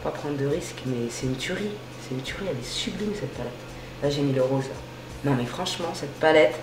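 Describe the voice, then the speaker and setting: A woman's voice: very deep voice, fairly quick, background noise. A woman beauty vlogger chatting casually and gushingly through a makeup tutorial, full of slang. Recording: roomy echo.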